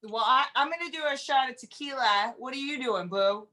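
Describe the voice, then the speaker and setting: A woman hosting a podcast and trading crude jokes in casual chat. Her voice is a little high. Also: a little fast, bright, forceful tone, a little hiss or hum. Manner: joking, crude banter. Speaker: podcast host.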